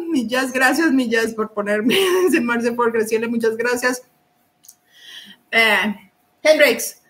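A young woman hosts a live stream, greeting viewers one by one and reading their comments aloud. Her voice sits high and bright, and she talks at an unhurried pace. She keeps dissolving into giggles. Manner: giggly, keeps breaking into laughter. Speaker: livestream host.

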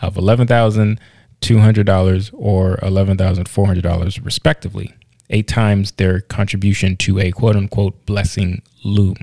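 A man's voice: low-pitched, flat delivery, normal speed, creaky, warm tone, no echo. A man co-hosting a podcast in casual chat, talkative, laughing easily and restarting his sentences often. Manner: chatty, laughs easily, many restarts and fillers. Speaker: podcast co-host.

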